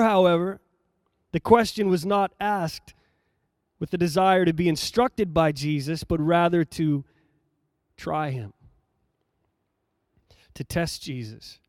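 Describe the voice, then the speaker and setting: A man preaching a sermon, reading scripture aloud and explaining it in a measured, emphatic way, repeating phrases for effect. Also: high voice, steady tone, darkish tone, no room sound, studio quality.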